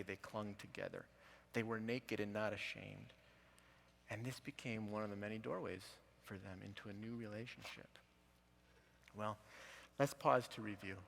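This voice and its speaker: A middle-aged man teaches about marriage through a counseling story he tells with earnest conviction. His voice is bright and forward with a gravelly fry. He quotes the people in the story in an animated way, and a faint hum sits underneath. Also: on the low side.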